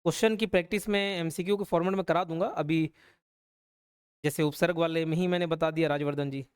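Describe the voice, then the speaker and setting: Guy, fairly high voice, online teacher going over words slowly, keeps saying okay?. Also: fairly even intonation, clean tone. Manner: repeats words slowly, frequent "ठीक है" checks. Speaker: online exam-prep teacher. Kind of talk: explanatory lecture. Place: online class.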